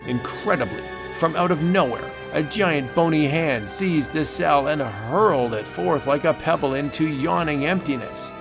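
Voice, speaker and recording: Melodramatic man narrating vintage horror comics, gravelly edge. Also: a little high, moderate pace, hardly any pauses, music in the background. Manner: melodramatic, theatrical.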